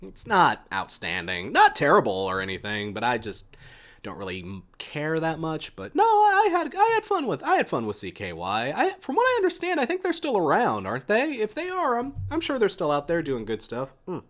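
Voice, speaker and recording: A young man hosts a casual live stream, reading out questions from chat and rambling about the music he loves. His voice sits a little high and swings widely as his excitement rises. He restarts sentences often, with plenty of fillers. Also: moderate pace.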